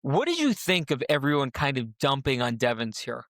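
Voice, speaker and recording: A man co-hosting a casual reality-show recap, talking through events in a measured, analytical way. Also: mid-range voice, wildly swooping pitch, a bit bright, no echo, studio quality. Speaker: podcast co-host.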